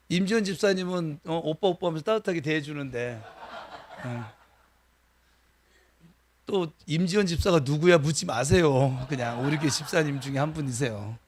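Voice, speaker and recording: A man preaching a sermon as pastor, animated and talking straight to the congregation, acting out everyday voices as he goes. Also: on the high side. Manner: animated, acts out quoted voices, talks to the congregation directly. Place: church sanctuary.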